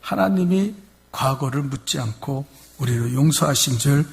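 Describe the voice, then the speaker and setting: A man's voice: mid-range voice, animated, normal speed, vocal fry, a little hiss or hum. A male pastor preaching a sermon, emphatic, speaking directly to his congregation in church. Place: church sanctuary.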